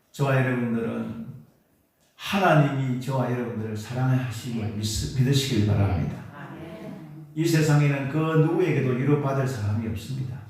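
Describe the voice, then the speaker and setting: A man's voice: medium pitch, darkish tone. Earnest male pastor in echoey church. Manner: earnest, coaxing, repeats phrases and prompts with "예?". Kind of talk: sermon. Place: church sanctuary during Sunday service. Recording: echoey church hall from far off.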